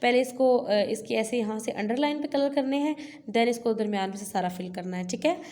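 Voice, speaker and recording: A woman's voice: fairly high pitch, dark tone. A woman nursery teacher with a Pakistani Urdu accent, patiently drilling letter sounds in a recorded class. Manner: patient, drills letters slowly and repeats "theek hai". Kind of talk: recorded online class lesson.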